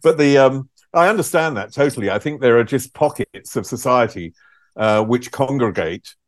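A middle-aged English man with an English accent, a podcast guest who tells stories in a lively way, laughing often and acting out quotes. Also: mid-range voice, moderate pace, dry recording, studio quality. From England. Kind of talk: casual conversation.

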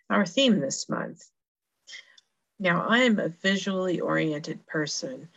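An American woman telling a story as a religious educator, leading a guided visualization in a measured, deliberate manner with hushed phrase endings. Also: on the low side. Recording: band-limited, dull lo-fi sound.

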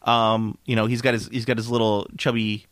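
A man's voice: fairly low pitch, flat delivery, fairly quick, no room sound, studio quality. A man co-hosting a casual movie chat, rambling and laughing often, restarting his sentences.

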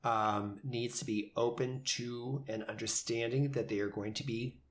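A man talking through his thoughts in a relaxed podcast chat, his voice sitting at an ordinary middle pitch. He rambles a little, circling back with fillers and restarts as he explains how he directs actors. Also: unhurried. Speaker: community theater director. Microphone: headphones and studio mic.

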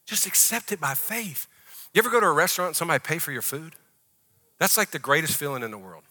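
A man from the American South with a Southern accent, preaching a conversational sermon in a church and rising to loud, drawn-out prayer. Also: fairly high pitch, very animated. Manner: drawn-out, emphatic phrasing in the closing prayer. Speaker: pastor. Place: church hall.

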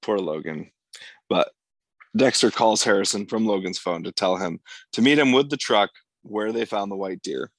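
Gravelly low-voiced man recapping a show. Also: normal speed, a bit bright, no room sound. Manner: recaps plot in long runs, laughs easily. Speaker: podcast co-host. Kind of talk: casual chat recapping a TV episode.

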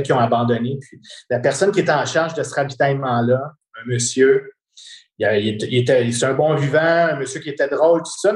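A man with a Quebec French accent tells a long personal story as a guest, animated and often repeating words while he searches for the next one. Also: mid-range voice. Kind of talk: casual storytelling conversation. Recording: roomy echo.

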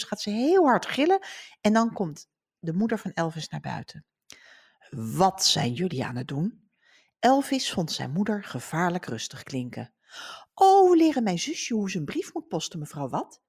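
A middle-aged woman, a children's book author, answering interview questions and reading aloud from her book with expressive storytelling. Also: medium pitch, slightly rough.

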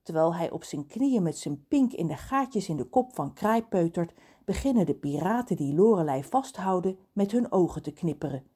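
A woman narrating a children's audiobook in an expressive storytelling manner. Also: lowish voice, normal speed, breathy edge.

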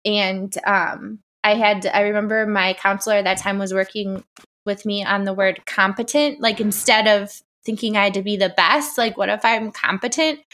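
A woman co-hosting a podcast in casual chat with her sister, chatty and quick to laugh, with a girlish voice. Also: steady tone, fairly bright tone. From Illinois. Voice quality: high-pitched girlish voice. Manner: chatty, laughs often, many fillers. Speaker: podcast co-host.

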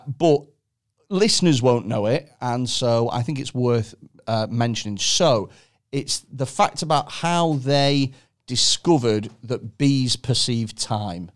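A man hosting a casual podcast chat, animated and swearing often, with exaggerated reactions. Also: medium pitch, a little slow, clear, resonant tone. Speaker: podcast host.

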